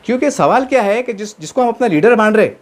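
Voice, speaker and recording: High-voiced man firing rhetorical questions. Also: lively intonation, quick pace. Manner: fires rhetorical questions and answers them himself. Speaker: political commentator. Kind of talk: impassioned political commentary.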